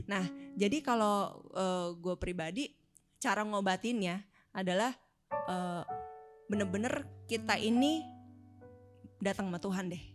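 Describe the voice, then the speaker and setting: A woman's voice: medium pitch, measured pace, long pauses. A married woman, candidly telling a personal story on a faith talk show. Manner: candid, reflective. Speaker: co-host. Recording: music playing under voice.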